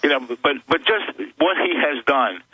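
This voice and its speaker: A man's voice: mid-range voice, lively intonation, measured pace, pushed and bright, breathy edge, no echo, poor audio. A man who is an attorney, a guest on a talk radio show, speaking earnestly and insistently as he lists grievances.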